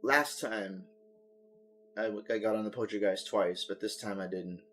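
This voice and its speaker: A man's voice: fairly low pitch, fairly even intonation, normal speed, a bit bright, slight background noise. A man co-hosting a casual podcast chat, telling rambling stories full of swearing. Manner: rambling, profane storytelling. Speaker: podcast co-host.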